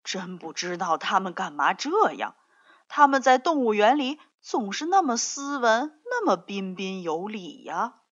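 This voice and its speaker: A woman's voice: medium pitch, sing-song, unhurried, fairly bright tone. A woman voicing a friendly, polite male lion in a storybook reading, speaking mildly and courteously. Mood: puzzled. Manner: mild, courteous, puzzled. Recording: dull lo-fi recording.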